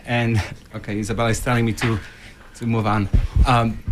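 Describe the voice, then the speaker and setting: A man from Poland, a radio guest answering politely and with measured hesitation. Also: mid-range voice, little pitch movement, background noise. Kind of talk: interview answers.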